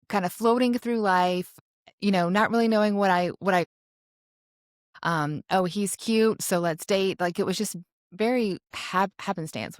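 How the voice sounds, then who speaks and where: A woman's voice: lowish voice, dry recording, clean studio sound. A young adult woman co-hosting a podcast, telling a personal story in a chatty, casual way full of "like" and restarts. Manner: chatty, frequent "like" and self-corrections; animated when quoting herself. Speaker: podcast co-host.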